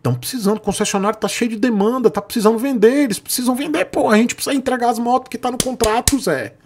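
A man's voice: very high-pitched, fast, noisy background, voice pushed up. A man with a Brazilian accent voicing an anxious male company buyer who pleads urgently.

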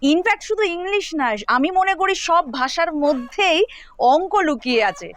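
A woman with a Bengali accent and a very high voice teaches children English spelling. She goes step by step and patiently repeats each word aloud to sound it out. It comes across as a classroom-style lesson. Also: lively intonation, normal speed, a bit bright. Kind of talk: explaining spelling rules to children.

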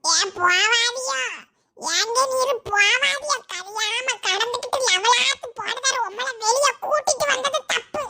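A woman's voice: extremely high pitch, bright, forceful tone, exaggerated voice. A woman voicing a scolding village wife, nagging in a Kanyakumari Tamil accent. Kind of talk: cartoon voice acting.

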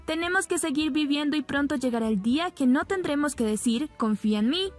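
A woman's voice: sits high, lively intonation, a little fast, voice pushed up. A woman reading the lines of a hurt, reproachful young wife. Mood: hopeful.

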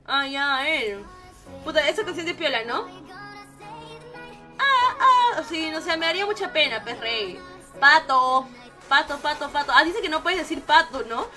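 A woman chats on a live stream, her voice high and bright. She is emotional and affectionate with viewers and swears freely. Faint music plays underneath. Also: animated, moderate pace. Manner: emotional, swears often, calls viewers "baby" and "king". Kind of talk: live stream chat reacting to videos. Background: faint children's music.

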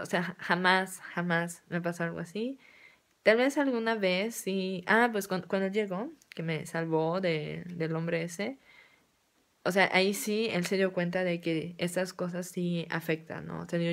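A young woman from Mexico with a Mexican accent, telling a personal story in a casual, chatty way full of fillers. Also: fairly low pitch. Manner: chatty, many fillers like "o sea". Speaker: vlogger.

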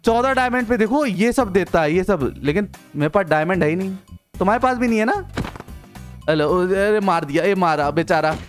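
Young man, high pitch, playful game commentary, repeated coaxing calls, faint music behind. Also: normal speed. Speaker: gaming video host. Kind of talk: excited gameplay commentary.

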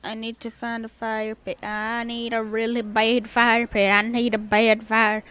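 A woman's voice: fairly high pitch, completely flat delivery, unhurried, fairly bright tone, a little hiss or hum. A woman giving let's-play commentary at home on a cheap microphone, rambling and talking to herself, repeating her questions over and over. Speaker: gamer playing on video. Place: home room.

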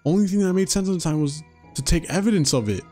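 A man's voice: sits high, fast, darkish tone, soft background music. A young man commentating a horror game, frantic and cursing, yelping in panic. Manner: frantic, swearing, panicky yelps. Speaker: gaming streamer.

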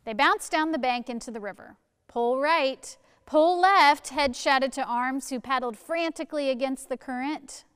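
High-voiced woman reading a children's story. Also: smooth, long reverb tail. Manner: slow, expressive storytelling. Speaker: children's sermon leader. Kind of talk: reading a picture book aloud to children. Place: church sanctuary.

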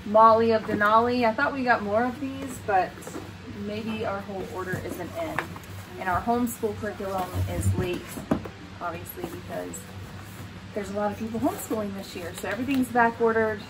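Chatting casually at normal speed and medium pitch, this American homeschooling mom in her thirties unboxes items for her home vlog. She's indoors in a small furnished room, and heavy background noise is present.

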